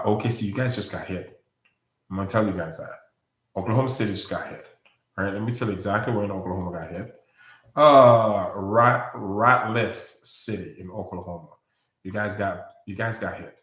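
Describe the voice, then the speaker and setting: A man's voice: fairly low pitch, echoey room, far from the mic. A man vlogging earnest, rambling warnings straight to his viewers. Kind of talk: casual spoken warning update.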